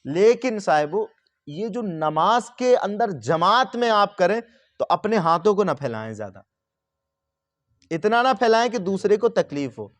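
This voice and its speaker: A man's voice: sits high, expressive, a bit bright. A man giving religious instruction, patiently explaining each step and repeating letters and phrases for his listeners. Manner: patient, repeats and spells out sounds. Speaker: religious teacher.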